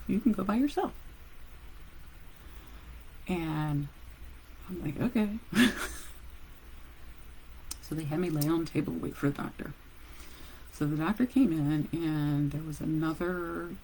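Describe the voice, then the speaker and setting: A woman who works as a nurse, casually telling a personal story with animated pauses and laughs. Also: low voice, a little hiss or hum, poor audio.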